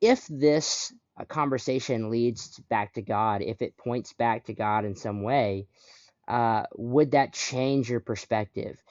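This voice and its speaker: A man's voice: medium pitch, slow, no echo. A male podcast host who affirms his guest and leads the talk with follow-up questions. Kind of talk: conversational podcast interview. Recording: dry, dull lo-fi audio.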